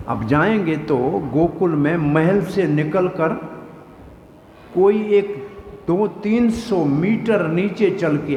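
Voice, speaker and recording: A man's voice: on the high side, darkish tone. A man giving a devotional scripture discourse as a preacher, telling the story vividly, acting out its scenes and explaining the verses. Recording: echoey hall with faint noise.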